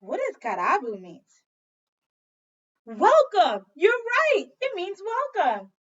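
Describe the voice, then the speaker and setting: With a very high, slightly bright voice and wildly swooping pitch, a second grade teacher slowly reads a story aloud to young children. She talks to them directly, using questions and repetition in this read-aloud lesson, and the audio sounds dull.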